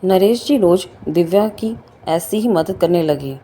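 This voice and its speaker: A woman narrating an emotional family story in a calm, even storytelling manner. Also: on the low side, measured pace, breathy edge. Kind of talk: scripted narration.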